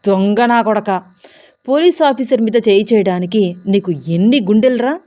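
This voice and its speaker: A woman's voice: medium pitch, normal speed, close to an everyday voice. A woman voicing a rude, drunk, corrupt male head constable who bullies and mocks. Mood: mocking. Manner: bullying, mocking, shouting.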